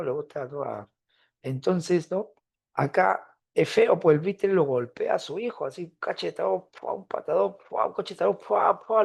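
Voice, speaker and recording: A man lecturing to students, retelling a novel with lively acted-out voices and frequent questions to the class. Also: on the high side, gravelly, breathy edge. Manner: animated storyteller, acts out characters, asks students questions. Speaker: literature teacher.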